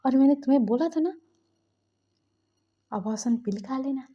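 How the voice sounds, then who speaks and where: A woman's voice: on the high side, a little fast, lightly acted. Woman putting on a scornful rich mother. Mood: scolding. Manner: scolding, sharp retorts. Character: stern rich older mother, scornful and domineering. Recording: dull lo-fi recording.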